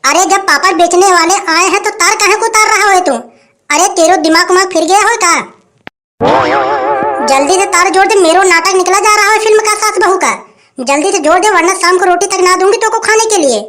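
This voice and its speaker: A woman's voice: very high-pitched, fairly quick, a bit bright, a little hiss or hum. A woman playing a cranky old village mother who scolds and nags. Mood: scolding. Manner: scolding, nagging.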